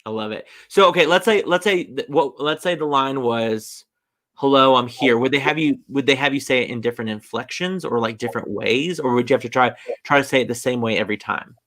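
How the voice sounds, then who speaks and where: A man's voice: medium pitch, a little fast, a bit bright. A man hosting a casual interview, playful and enthusiastic with frequent jokes. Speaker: host.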